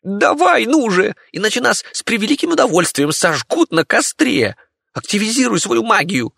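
A man voicing a frantic, squeaky male talking rat in an audiobook. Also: very animated, normal speed, creaky, fairly bright tone, no room sound, clean studio sound, full character voice. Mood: panicky. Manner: shrill and panicky.

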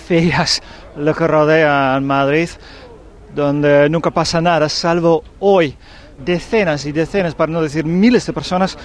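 A man reporting from a street crowd, chatting and asking short direct questions. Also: on the high side. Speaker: field reporter. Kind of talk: on-location news report and street interviews. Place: outdoors on a town street among crowds.

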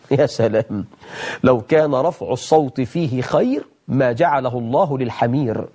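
A man's voice: mid-range voice, lively intonation, moderate pace, dark tone, slightly rough. A man with an Egyptian Arabic accent, a sheikh giving a religious lesson and taking calls from viewers, delivering emphatic, scolding rhetorical questions. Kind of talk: religious lesson with call-ins.

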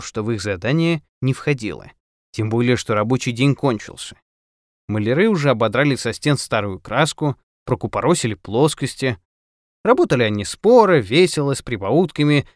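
A man's voice: medium pitch, no echo, studio quality. A man reading an audiobook in a theatrical style, putting on voices for the characters. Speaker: audiobook narrator.

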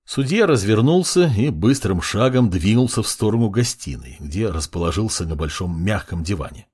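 A man narrating a fantasy audiobook in an expressive, scripted style. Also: on the low side, normal speed, husky.

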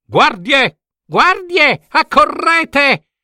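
A man voicing a cunning, mocking noblewoman thief in a storybook reading, in a high taunting put-on voice. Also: big pitch swings, slow pace, fairly bright tone, no room sound, clean studio sound, full character voice. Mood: cackling.

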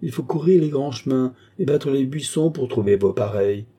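Man doing a teasing, condescending court lady for an audiobook, raised dark husky voice. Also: medium pitch, expressive, moderate pace. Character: mocking young court woman, teasing and commanding. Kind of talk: audiobook character reading.

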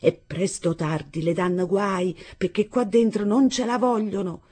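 A woman's voice: medium pitch, steady tone, moderate pace, warm tone, husky, natural voice. A woman reading an audiobook voices a superstitious, scolding middle-aged mother with a dramatic, lamenting delivery. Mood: conspiratorial.

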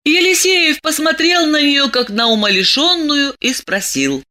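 A woman narrating an audiobook story in a lively, expressive way. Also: high-pitched, unhurried.

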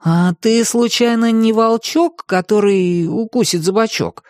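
A man's voice: high-pitched, a little slow, darkish tone, smooth, dry recording, clean studio sound, voice pushed up. A man voicing Tim, a cheeky boy who blurts out teasing remarks.

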